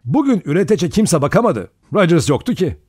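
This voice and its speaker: A man voicing an elderly male judge in an audiobook, measured and composed, a little raised in tone. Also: a little high, sing-song, darkish tone, slightly rough, no echo, studio quality, voice pushed up. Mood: practical. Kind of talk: audiobook character voice.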